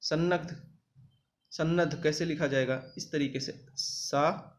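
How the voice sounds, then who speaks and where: A man's voice: fairly high pitch, steady tone, a little slow. Hindi-accented male teacher drilling spelling. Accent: Hindi, North Indian. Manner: repetitive, drilling, reminding students to remember. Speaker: exam-prep teacher. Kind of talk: online spelling lesson.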